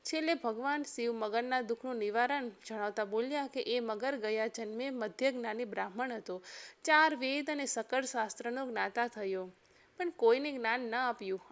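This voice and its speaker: A woman with a high voice reading a devotional story aloud. Her narration is steady and measured, paced like scripted storytelling.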